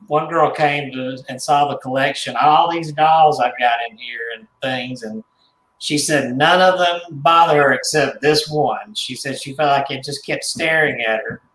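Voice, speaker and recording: A man, a guest collector, telling stories in casual radio chat, rambling and halting with restarts and small chuckles. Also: on the high side, fairly bright tone, echoey room, slight background noise, poor audio. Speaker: guest, haunted doll collector and author.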